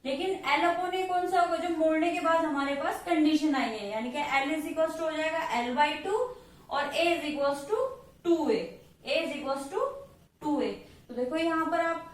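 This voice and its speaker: A woman with an Indian accent, a physics teacher who explains a worked example step by step in a patient way and keeps checking in with her students. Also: very high voice. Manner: patient, checks in with "theek hai" after each step, writes out formulas slowly. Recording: echoey room, voice far from the mic.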